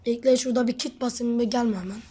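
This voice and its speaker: A woman's voice: a little high, fairly even intonation, quick pace, mellow, a little hiss or hum. A woman casually commenting on her own gameplay, teasing her teammate and talking to viewers. She says she is sick. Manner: chatty, teasing, addresses viewers. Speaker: gamer and channel host.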